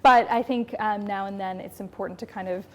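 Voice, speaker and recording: A woman's voice: medium pitch, a little fast, crowd noise. A woman in her thirties with an American accent, chatting expressively as a guest in a TV studio interview. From United States. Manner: chatty, expressive, gestures while talking. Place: TV studio, indoors.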